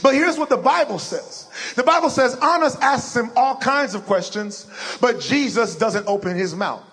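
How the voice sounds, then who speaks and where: A young adult male preacher with a deep, slightly rough voice shares a personal story at a moderate pace. He is animated throughout and plays out the lines he quotes.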